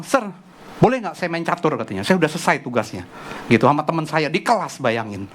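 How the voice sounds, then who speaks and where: A middle-aged male pastor preaching at a church service, telling a family story in a chatty, animated way. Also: fairly high pitch. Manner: chatty, animated anecdote telling with acted quotes. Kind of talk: sermon with personal storytelling. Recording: music playing underneath. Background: background music.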